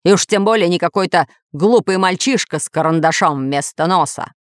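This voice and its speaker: A woman's voice: fairly low pitch, moderate pace, no echo, lightly acted. Woman doing a grumpy villain boss, snappy and full of himself, storybook, dry sound. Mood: furious. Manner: growling, snapping, pompous. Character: blustering villain lord, male, angry and pompous. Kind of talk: audiobook character voice.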